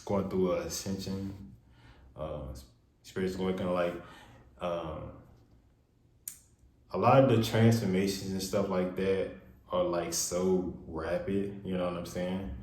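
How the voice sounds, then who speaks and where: A man giving a casual spiritual tarot reading in a loose, rambling way with a naturally monotone voice, his words washed in heavy room reverb. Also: sits low, unhurried, long pauses. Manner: loose, rambling, with many fillers. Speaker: tarot reader. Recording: echoey untreated room, faint noise.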